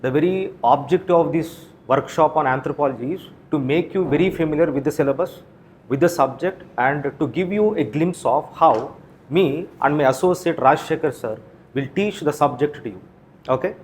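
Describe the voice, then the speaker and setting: An Indian-accented coaching teacher addresses exam students, raising questions and resolving them on his own while sprinkling in "right?" and "okay?". His fairly high voice runs at normal speed, with slight background noise.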